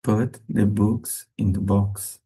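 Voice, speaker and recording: Male English teacher, reading each sentence twice, deep voice. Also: steady tone, mellow, rough recording. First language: Portuguese. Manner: reads each sentence twice, slowly and clearly. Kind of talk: slow repetition drill for beginners.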